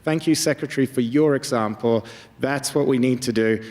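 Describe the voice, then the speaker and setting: A man moderating a live panel discussion, brisk and upbeat, keeping the questions moving. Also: medium pitch, darkish tone, in a large hall. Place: large event hall.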